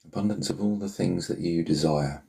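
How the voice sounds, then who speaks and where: Deep, gravelly man guiding a meditation in a soothing murmur. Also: moderate pace, mellow. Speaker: meditation guide. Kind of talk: guided healing meditation.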